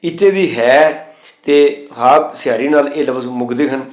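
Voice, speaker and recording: Man teaching scripture pronunciation, roomy. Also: medium pitch. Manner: recites verses slowly, then explains grammar point by point. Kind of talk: recitation and explanation lesson.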